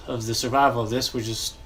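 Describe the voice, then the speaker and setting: Building in a game, a young gaming host with a stuffy, nasal voice comments casually, thinking aloud in a loose, rambling way punctuated by frequent coughs and throat clearing. His male voice is middle-pitched, expressive and fairly bright, at a moderate pace, with light hiss behind it.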